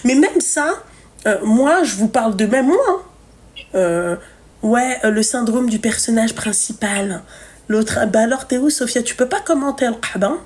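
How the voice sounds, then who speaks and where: A woman talks on her live stream in casual, unscripted chat. Her voice sits a little high, and she hands out blunt advice with plenty of swearing and hesitant fillers. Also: animated, normal speed, darkish tone. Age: 30s.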